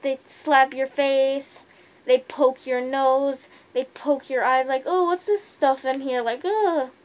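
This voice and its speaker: A woman's voice: high voice, a little mellow. A young woman rambling casually with many fillers about why she wears a fursuit, speaking from inside a costume head. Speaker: fursuiter vlogger. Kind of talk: casual opinion monologue.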